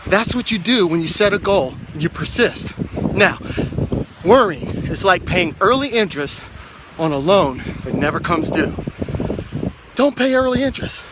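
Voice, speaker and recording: Brief: high-pitched male vlog host, a little winded, encouraging, phone mic with loud wind noise. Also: expressive, moderate pace. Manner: encouraging, talks to camera while climbing stairs. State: winded from climbing. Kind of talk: motivational walking vlog. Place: outdoors on reservoir steps. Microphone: handheld phone.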